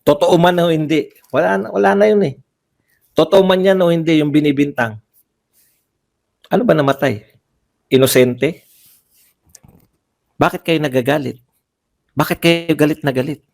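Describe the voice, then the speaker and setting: A man's voice: fairly high pitch, normal speed, vocal fry, pauses often, darkish tone. A man giving heated livestream political commentary, firing off rhetorical questions and repeating phrases for emphasis.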